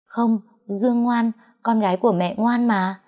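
A woman playing a tired, gentle young mother. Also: fairly high pitch, fairly even intonation, unhurried, voice pushed up, lightly acted. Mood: tender. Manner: soft and gentle.

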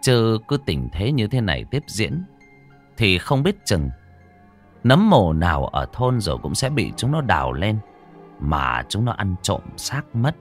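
Deep-voiced man telling a ghost story. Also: unhurried, faint music behind. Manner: animated, rising and falling for suspense. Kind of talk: dramatic scripted narration.

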